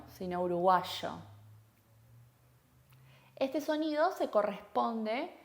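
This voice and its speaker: A woman with a Rioplatense Argentine accent giving a Spanish lesson to camera, explaining clearly and checking in with rhetorical questions. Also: medium pitch. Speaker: Spanish teacher.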